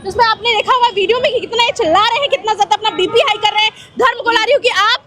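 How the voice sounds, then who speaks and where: A woman's voice: very high voice, very fast. A woman street reporter holding a firm vox-pop interview in a busy outdoor market. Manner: firm, repeatedly calming the man. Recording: loud crowd and traffic noise.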